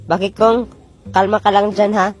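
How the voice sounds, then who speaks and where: A somber older brother speaks low and slow, as a woman puts him on, his deep hushed voice coming through a phone. The comic storytime has music playing behind. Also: level tone, lightly acted. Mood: grave. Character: grown older brother breaking bad news by phone.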